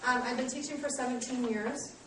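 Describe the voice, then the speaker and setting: This woman in her late thirties teaches a college class in a high-pitched, steady voice, speaking fairly quickly. She's friendly and self-deprecating with plenty of ums, recorded from far off in an echoey classroom with a noisy background.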